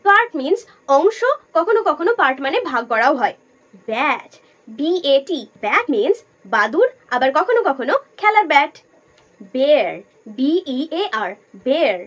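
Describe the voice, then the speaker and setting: Bengali-accented lady teaching english words, high voice that bounces around a lot, spells stuff out slow. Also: fairly bright tone. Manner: spells words letter by letter, slow careful explanations. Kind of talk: explaining English vocabulary lesson.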